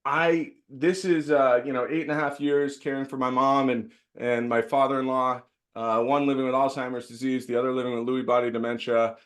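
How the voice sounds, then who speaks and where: Chatty man hosting a webinar. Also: medium pitch. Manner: chatty, many fillers and restarts. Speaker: host.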